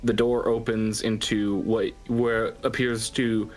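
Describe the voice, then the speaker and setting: A man narrating a tabletop game as dungeon master in a relaxed, chatty way. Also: fairly low pitch, slow, faint music behind, poor audio.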